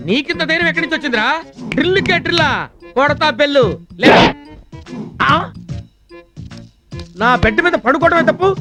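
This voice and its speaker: A man with a very high, squeaky voice doing slapstick film comedy, loud and whiny, yelping and groaning as if in pain. Film score music plays clearly behind him throughout the scene. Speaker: comic film character.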